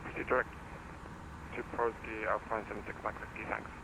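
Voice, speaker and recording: A man with a gravelly, fairly low voice talks quickly over a pilot headset as a pilot on aircraft radio. The transmission is clearly noisy. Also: level tone. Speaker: pilot on air traffic radio. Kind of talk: radio readback.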